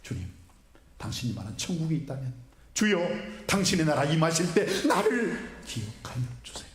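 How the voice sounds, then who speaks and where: A preacher playing a pleading repentant criminal. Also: male voice, on the high side, sing-song, moderate pace, voice pushed up. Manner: pleading, humble. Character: repentant male criminal begging for mercy. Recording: echoey church hall.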